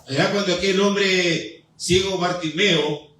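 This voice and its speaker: A man preaching a fervent sermon in a church, his voice pitched high. He builds his appeals through repetition and pauses. The sound is very echoey, caught from some distance in the hall. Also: fairly even intonation, bright, forceful tone. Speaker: pastor. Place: church sanctuary.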